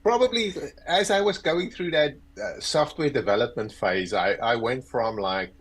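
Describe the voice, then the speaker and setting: A South African agile coach in his fifties appears as a guest on a video call, speaking over earbuds. He talks about his career in an easygoing, self-deprecating and rambling way during a casual interview chat. His voice is medium in pitch and a bit bright with a breathy edge, at a normal speed.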